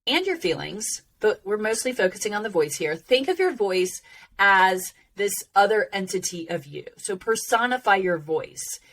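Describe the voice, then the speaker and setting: A woman's voice: mid-range voice, big pitch swings, fairly bright tone. Female voice coach, mid-range, informal and emphatic teaching delivery, noticeably prolonged sibilant s. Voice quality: drawn-out sibilant s sounds. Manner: emphatic, encouraging, checks in with "okay". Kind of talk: informal self-help teaching.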